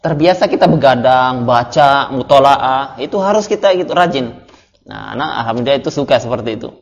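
A man's voice: medium pitch, animated, a little fast. Man telling stories in a study lesson. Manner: chatty storytelling with laughs and asides. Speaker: religious teacher. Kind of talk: informal religious study talk. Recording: dull lo-fi recording, faint noise.

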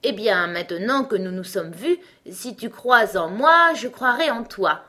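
A woman's voice: medium pitch, expressive, measured pace, sharp tone, pitched above the performer's own voice. Haughty storybook unicorn, offhand, bossy, lifted voice, woman reading it. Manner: careless, disdainful, bossy.

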